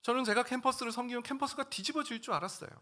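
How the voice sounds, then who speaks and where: A middle-aged male pastor preaching a sermon, telling a personal story and swinging between hushed and loud moments. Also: extremely high pitch, rapid-fire. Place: church sanctuary.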